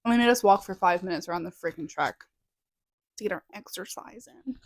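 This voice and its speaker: A woman's voice: lowish voice, a little fast, slight background noise. A young woman from the co-hosting a podcast, chatting casually, laughing often and snacking on popcorn as she talks. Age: young adult. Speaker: podcast co-host. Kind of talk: casual chat.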